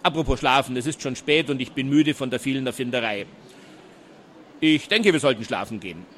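A man voicing an excitable elderly inventor professor in a storybook reading, fussy and quick to shout. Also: mid-range voice, a little hiss or hum, natural voice. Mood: worried. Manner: agitated, shouts when upset.

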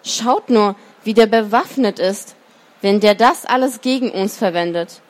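A woman's voice: medium pitch, measured pace, natural voice. A woman voicing a terrified, tearful partridge in a storybook reading. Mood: frightened. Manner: shrieking, tearful. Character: terrified shrieking partridge mother.

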